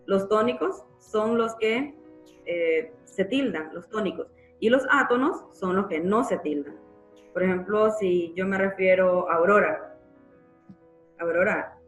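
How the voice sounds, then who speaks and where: A woman's voice: mid-range voice, measured pace, reverberant, soft background music, rough recording. A woman teacher giving a live online grammar class, explaining patiently and checking in with frequent tag questions. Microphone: computer mic in a live online class.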